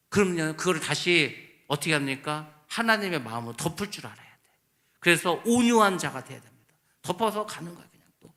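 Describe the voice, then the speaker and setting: A high-pitched male pastor preaches emphatically in a church sanctuary, posing rhetorical questions and answering them himself. He swings between loud stress and quiet asides.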